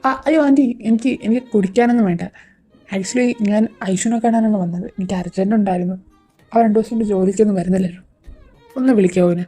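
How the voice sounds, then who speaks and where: Woman voicing a pleading young male boss, husky and mellow. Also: mid-range voice, fast talker, faint music behind, close to an everyday voice. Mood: polite. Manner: urgent, stammering, pleading. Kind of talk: amateur audio drama.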